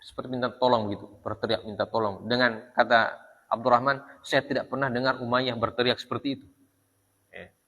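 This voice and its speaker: Preacher in an echoey hall. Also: male voice, mid-range voice, little pitch movement, sharp tone. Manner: reads Arabic text slowly, then retells in Indonesian with frequent "ya". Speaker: religious teacher. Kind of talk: Islamic study lecture. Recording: long hall reverb.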